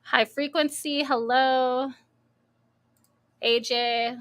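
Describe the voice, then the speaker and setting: A young woman with a high, bright voice chats casually on her live stream. She takes her time, greets viewers one by one and laughs easily. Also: fairly even intonation, very slow, clear, resonant tone.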